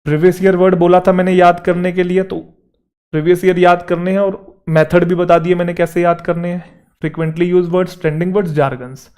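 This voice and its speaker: A man's voice: sits high, little pitch movement, fast talker, a little mellow, clean tone. A man, teaching an English vocabulary lesson for exam students in Hindi mixed with English words, checking that his students follow along.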